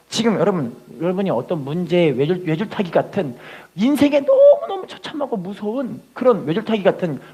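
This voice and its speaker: A woman pastor preaching a Sunday sermon in Korean, telling stories with lively acting and having the congregation repeat scripture. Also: on the low side, husky. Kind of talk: sermon with storytelling.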